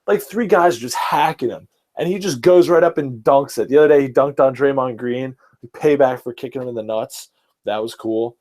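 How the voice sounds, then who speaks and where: Young male podcast host in his twenties, mid-pitched, eager and rambling. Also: normal speed, darkish tone. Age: early 20s. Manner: enthusiastic, rambling, fillers and restarts. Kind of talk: casual sports chat.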